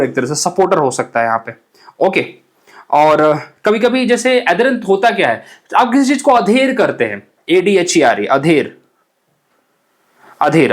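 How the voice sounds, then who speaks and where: A man teaching English vocabulary for exam aspirants, explaining words in Hindi mixed with English and often checking "ठीक है?". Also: high voice. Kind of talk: exam-prep vocabulary lesson.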